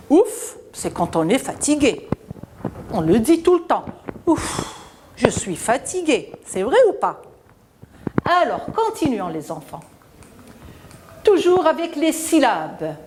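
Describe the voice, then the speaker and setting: A woman teaching a televised reading lesson to children, stretching and singing syllables up high and dropping low to praise. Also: a little mellow, slight background noise. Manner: slow, drawn-out syllables sung up high, then drops low to praise.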